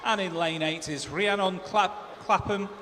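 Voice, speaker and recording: A man's voice: high voice, a little slow. A man working as a swim meet announcer, reading out formal race announcements over a public address system. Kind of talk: formal race announcing, listing lanes, names and results. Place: large indoor swimming pool hall. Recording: echoey hall PA, clear background noise.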